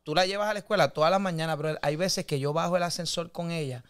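A man with a Puerto Rican accent, co-hosting a comedic podcast chat and telling animated stories about his daughter. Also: fairly high pitch, quick pace, clear, resonant tone. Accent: Puerto Rican Spanish. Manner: animated storyteller, acts out voices and sounds. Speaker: podcast co-host.

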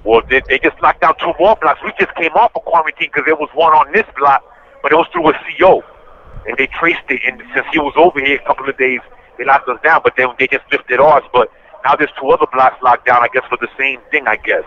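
A man's voice: mid-range voice, lively intonation, a little fast. A man calling in on a prison phone line to a podcast, talking in blunt street slang and rambling through complaints. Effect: on a prison phone call. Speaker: inmate calling in. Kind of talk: casual phone chat. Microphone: prison payphone handset. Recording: muffled prison phone line, faint hiss.

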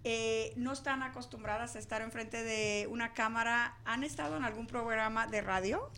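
Bright high-voiced woman radio host. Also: normal speed, slight background noise. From Venezuela. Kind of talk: casual studio chat. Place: radio studio.

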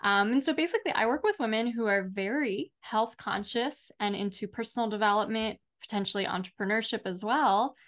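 A woman's voice: a little high, a little fast, hardly any pauses, a bit bright. A woman who coaches and writes books, introducing herself as a podcast guest in a ready, assured manner. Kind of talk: interview answer.

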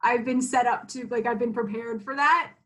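A young woman in casual chat, frank and relaxed, saying "like" often. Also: on the high side, moderate pace, slight background noise.

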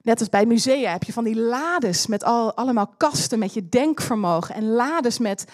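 A woman's voice: fairly high pitch, lively intonation, normal speed. A woman preacher giving a personal testimony sermon in a chatty storytelling way, slipping English phrases in among her words. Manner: chatty, laughing asides.

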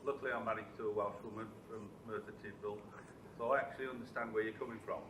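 A man's voice: on the low side, steady tone, fast talker. A man, speaking up from the audience in a friendly, joking way. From Birmingham, England. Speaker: audience member. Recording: distant, roomy, noisy hall.

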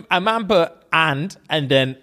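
Young male host, London roadman accent, lively swooping delivery, jokey slang, reading comments aloud. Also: a little high. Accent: London, urban roadman slang. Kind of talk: casual banter, reading out online comments.

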